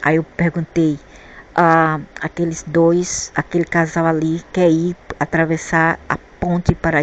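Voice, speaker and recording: A woman's voice: deep voice, highs cut off, slight background noise. A woman from Brazil telling a rambling personal story about spirits and the afterlife, often repeating words while she searches for them. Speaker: spiritual vlogger.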